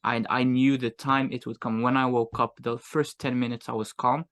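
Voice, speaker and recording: A young Moroccan-accented man, a guest who owns an agency, shares his own story candidly in an interview, reflective and casual. His voice is medium in pitch, slightly bright, level in tone, and at a normal pace.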